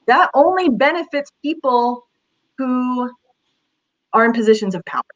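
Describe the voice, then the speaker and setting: A woman's voice: high voice, expressive, a little slow, highs cut off. Chatty woman career counselor. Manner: chatty, many fillers, light laughs. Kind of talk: casual advice interview.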